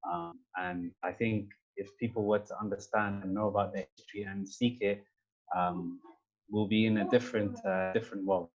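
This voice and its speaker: A panel speaker with a London accent shares his opinions in an informal discussion, speaking haltingly and often repeating words to make his point. His voice is on the low side with fairly even intonation, and the recording has its highs cut off.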